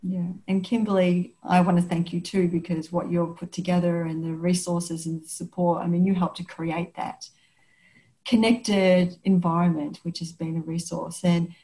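In a rough recording, a podcast host, an Australian woman, talks in a casual interview chat with a fairly low, warm voice at normal speed and little pitch movement. She's thoughtful, often starts her sentences over, and makes lots of affirming murmurs.

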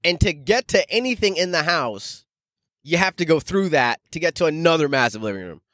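Hosting his casual solo podcast, a stand-up comedian in his thirties, originally from Canada and later from Arizona, spins stories in animated, slang-heavy, profane speech and refers to listeners as "guys." His voice is a little high and brisk, captured as a dry recording.

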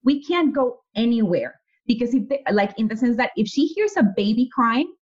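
Outspoken woman in her forties, higher voice, lively candid anecdotes, dull lo-fi recording. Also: moderate pace. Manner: candid, animated storyteller who swears freely. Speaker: guest. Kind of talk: casual interview conversation. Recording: muffled lo-fi audio.

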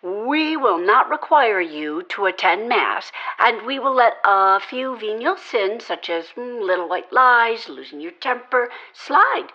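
A woman's voice: fairly high pitch, lively intonation, unhurried, hardly any pauses. A woman playing an overly eager church call-center agent with syrupy, salesy patter in a radio play. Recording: dull lo-fi sound.

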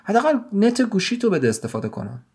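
An angry sixth-grade boy, as a male narrator puts him on, his voice pushed up high and tight. He pleads and accuses in a bitter, tearful rush, straight out of a spoken audio story. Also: animated, a little mellow, close to an everyday voice. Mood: pleading, resentful.

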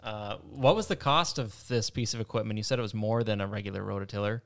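Smooth-voiced man hosting an interview. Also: lowish voice, quick pace. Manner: straightforward questions, occasional light joke. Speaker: podcast host.

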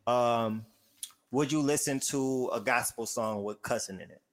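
A man chatting casually, telling stories with slang and acting out what people said in lively voices. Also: mid-range voice, a little slow. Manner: animated storytelling, slangy, acts out quotes. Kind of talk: casual chat.

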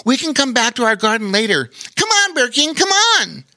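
A squeaky, excitable young otter. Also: male voice, moderate pace, no room sound, clean studio sound, heavily acted. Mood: excited. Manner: bubbly, eager, excitable. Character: high-pitched cheerful young male otter.

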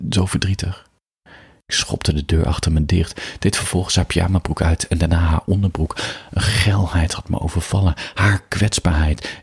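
Young guy reading his own story out, deep and raspy, blunt and slow. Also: a little mellow, dry recording, studio quality. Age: young adult. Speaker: narrator. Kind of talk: first-person story reading.

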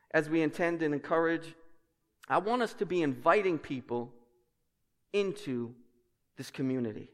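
Male preacher, fairly high voice, big reverberant hall; emphatic sermon built on repetition. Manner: repetitive, emphatic phrasing with rhetorical questions. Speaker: pastor. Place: large indoor church hall. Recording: echoey hall with long reverb.

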